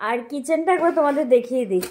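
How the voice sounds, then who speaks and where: A woman's voice: high-pitched, racing, a little mellow, slight background noise. Chatty woman vlogging from her kitchen. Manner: chatty, talks to viewers while doing kitchen chores, coaxing baby talk to a child. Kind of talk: casual home vlog narration. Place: home kitchen.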